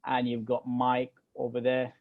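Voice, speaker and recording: Co-hosting a relaxed podcast chat, a young man from Egypt, a native Arabic speaker, uses a British accent with a slight American touch. His medium-pitched voice is creaky and monotone at a measured pace, full of hesitations, fillers, and restarts. The audio sounds dry, narrow, and tinny.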